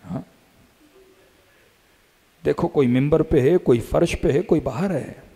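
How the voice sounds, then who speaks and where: A man's voice: a little high, takes it slowly, gravelly, warm tone, husky, long reverb tail. A man, a cleric, preaching a religious sermon that he drives with rhetorical questions he answers himself in repeated chants.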